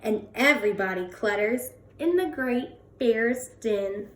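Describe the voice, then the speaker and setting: A woman reading a picture book aloud to young children in an expressive way, drawing out words and putting questions to the listeners. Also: a little high, slow. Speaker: children's read-aloud host. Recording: roomy echo, distant from the mic.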